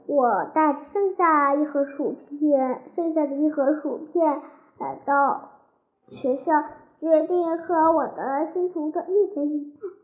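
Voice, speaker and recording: Woman, high voice, childlike, lively, storybook narration, muffled lo-fi recording. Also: unhurried.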